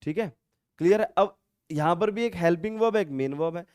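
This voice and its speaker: A man's voice: high voice, a little fast, darkish tone, clean tone, dry recording, studio quality. A man teaching an English grammar lesson step by step, asking the viewer rhetorical questions and acting out insistent replies to show emphasis. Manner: acts out emphatic retorts in an insistent tone. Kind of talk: classroom-style grammar lesson.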